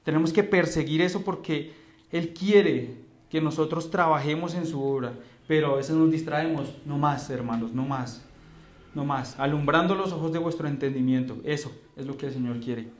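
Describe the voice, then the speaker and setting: A man's voice: on the high side, moderate pace. A man with a Colombian accent preaching a sermon as pastor, with emphatic repetitions and rhetorical questions. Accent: Colombian Spanish. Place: church hall. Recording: echoey church hall.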